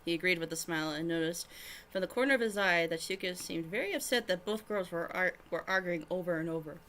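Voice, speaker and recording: A woman's voice: on the low side, fast, fairly bright tone, slight background noise. A woman streamer reading her fan fiction aloud, giggling and breaking off to explain to friends.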